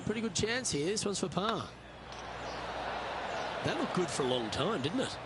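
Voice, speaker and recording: A man's voice: high-pitched, very animated, normal speed. A man playing an encouraging television golf commentator, calling each shot as it happens in a video game. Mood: encouraging, engaged. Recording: very noisy, loud crowd ambience behind. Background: loud crowd and outdoor noise.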